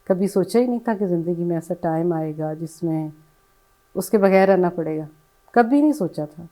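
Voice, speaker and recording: A middle-aged woman answering interview questions in a soft, reflective way, often falling to a hush and slipping in English phrases. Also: on the low side, lively intonation, rough recording. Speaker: bereaved mother, interview guest.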